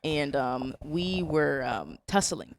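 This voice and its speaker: A woman's voice: sits low, animated, takes it slowly, vocal fry, slight background noise. Playful, chatty young woman podcast host. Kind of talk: casual conversation. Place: indoors, on a couch.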